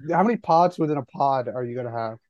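A man's voice: mid-range voice, animated, fast, dry recording. Laid-back male podcast co-host, muffled. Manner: laid-back, reacting to live games. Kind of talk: casual sports chat.

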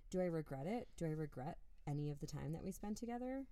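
A woman's voice: deep voice, lively intonation, fast, mellow, no room sound. A young woman co-hosting a podcast, talking candidly and swearing freely while a bit tipsy from wine. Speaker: podcast co-host. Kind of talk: casual chat.

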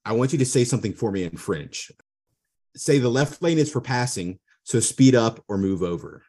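A man's voice: mid-range voice, expressive, moderate pace, dark tone, slightly rough. A man hosting a podcast, asking curious, informal questions. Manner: curious, informal, says "y'all". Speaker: podcast host. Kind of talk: casual interview.

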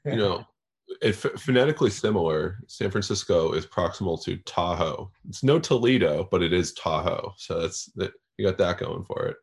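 A man's voice: deep voice, lively intonation, creaky. A man chatting as a guest on a sports podcast, stumbling over words and joking dryly. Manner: halting, repeats words, dry humor. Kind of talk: casual sports chat.

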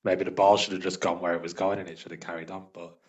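A man's voice: low voice, flat delivery, quick pace, dull audio. A man giving blunt, casual banter as a regular on a football podcast.

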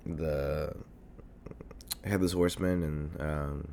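A young man with a deep, hoarse, darkish voice hosts his own podcast at home while sick and congested, speaking slowly and steadily into a desk mic near his computer. His casual solo monologue rambles, full of fillers and swearing, over slight background noise.

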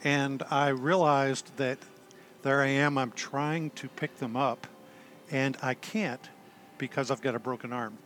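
An older man, a retired army chaplain, telling his story in a halting, self-deprecating way with dry humor. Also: medium pitch, fairly even intonation, a bit bright. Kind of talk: conversational storytelling.

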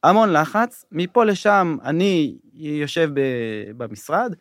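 A slightly high-voiced man with halting delivery, recorded dry in a studio. He tells a long story as an interview guest, pausing often on fillers and restarting his sentences. The voice sits close to the mic with almost no room sound. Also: lively intonation, no echo. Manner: hesitant, many fillers and restarts. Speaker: guest, government finance official. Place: podcast studio.

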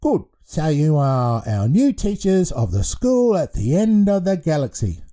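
A man voicing a huge baby who runs a school in space, who cries and giggles as he speaks, in a high babyish voice. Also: huge pitch swings, measured pace, dark tone. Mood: babyish, weepy. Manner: cries, giggles and burps between lines.

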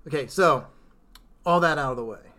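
A man's voice: on the high side, normal speed, pushed and bright, a little hiss or hum. A man co-hosting a casual podcast, rambling with lots of fillers and restarts. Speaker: podcast co-host. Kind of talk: casual chat.

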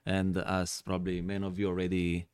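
A man in his forties with an Italian accent and a somewhat low voice. He is a podcast guest who tells animated, joking stories. His English is fluent but not his first. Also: fairly quick, clean tone. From Italy. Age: 40s. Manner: animated, joking storyteller in non-native English. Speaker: guest, wine importer. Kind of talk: casual podcast interview.

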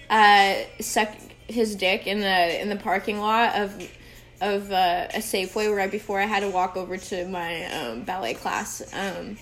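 A young woman from Oregon hosting a podcast, telling a story in a rambling, scattered, profane way while high. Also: a bit bright. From Oregon, USA. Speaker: podcast host. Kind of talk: casual storytelling monologue.

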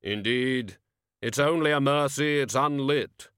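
A man voicing Death, a bony male personification of death, speaking slowly and fussily as if muffled and echoing from inside a stove pipe. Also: mid-range voice, fairly bright tone, clear, resonant tone, clean studio sound, voice pushed up. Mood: grumbling. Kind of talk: audiobook character voice.

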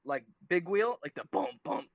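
A man's voice: sits high, very animated, moderate pace, vocal fry, no echo, highs cut off. A man co-hosting a casual podcast chat from home, a drummer who teases the others playfully. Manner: playful, teasing. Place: home, over a video call.

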